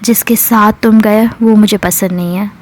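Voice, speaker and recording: A woman's voice: medium pitch, steady tone, normal speed, darkish tone, natural voice. A woman voicing a jealous, hot-tempered young woman scolding her partner in a told love story.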